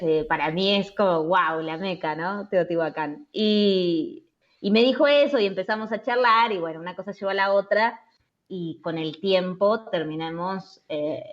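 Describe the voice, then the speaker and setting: An Argentine woman, a travel blogger and interview guest, telling stories casually with frequent "eh" and "¿no?" fillers. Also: mid-range voice. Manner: chatty, frequent "eh" and tag "¿no?". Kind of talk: casual conversational storytelling. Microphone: video call. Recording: slightly dull lo-fi call audio.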